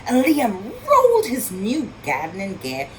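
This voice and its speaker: Reading a picture book aloud to kids, a woman tells the story expressively, marvelling at it and posing questions to the children. She speaks at an unhurried pace in a medium pitch, over slight background noise.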